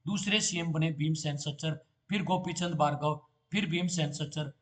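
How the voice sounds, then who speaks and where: A man's voice: on the high side, normal speed. A man giving an exam-prep lecture, asking quiz questions and answering them himself. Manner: asks a question and answers it himself, "ठीक है" filler. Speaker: competitive exam teacher.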